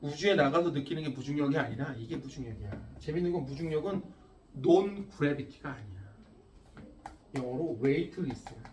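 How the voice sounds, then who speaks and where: Cram-school teacher, male, lively rising voice, blunt and crude, heard from across an echoey classroom. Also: on the high side, fairly quick, far from the mic. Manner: blunt, scolding, coarse and emphatic, constantly checking with students. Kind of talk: classroom lecture.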